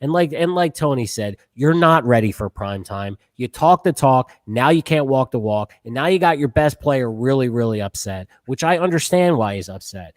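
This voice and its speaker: A man's voice: medium pitch, expressive, normal speed, hardly any pauses, no echo, studio quality. A man co-hosting a sports podcast, arguing his points in a casual, emphatic and repetitive way.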